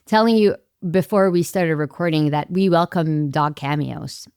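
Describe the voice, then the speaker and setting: A woman hosting a podcast interview from her home studio, relaxed and asking playful quick-fire questions. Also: low voice, clean tone, no echo. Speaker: podcast host. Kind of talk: casual interview chat.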